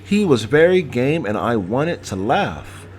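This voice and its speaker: Slow, expressive male audiobook narrator. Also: mid-range voice, a little hiss or hum. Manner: measured, voices characters with vernacular dialogue.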